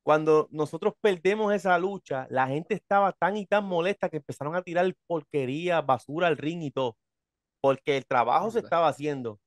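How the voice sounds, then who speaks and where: A man, a professional wrestler, telling animated stories in casual chat and acting out voices. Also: a little high, a little fast, dry recording, studio quality. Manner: animated storyteller, acts out voices, says brother.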